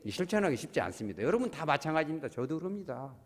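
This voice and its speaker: A man preaching a Sunday sermon as pastor, speaking straight to his congregation and acting out quick bits of dialogue. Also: fairly high pitch. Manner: animated, acts out little quoted dialogues; calls on the congregation directly. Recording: long church-hall reverb.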